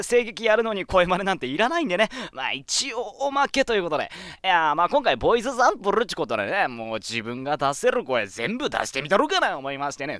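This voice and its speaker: A man's voice: high-pitched, fairly bright tone, no room sound, clean studio sound. A man presenting his voice sample in casual, apologetic, self-deprecating chat.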